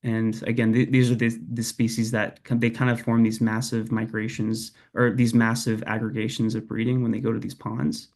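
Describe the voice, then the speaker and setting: A man's voice: lowish voice, completely flat delivery, normal speed, hardly any pauses, a little mellow. A young man giving a casual, hesitant lecture over a video call, with many fillers and restarts. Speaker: presenter. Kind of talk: online lecture presentation.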